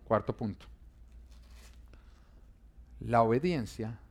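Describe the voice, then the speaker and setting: A man's voice: medium pitch, slow, husky. A man pastor preaching a sermon, repeating key lines and pushing emphasis up on important phrases.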